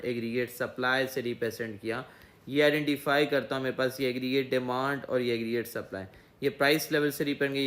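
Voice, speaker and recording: A man's voice: mid-range voice, a bit bright. A man teaching an economics lesson in speech, asking himself questions and answering them over and over. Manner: repetitive question-and-answer explaining. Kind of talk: recorded classroom lecture.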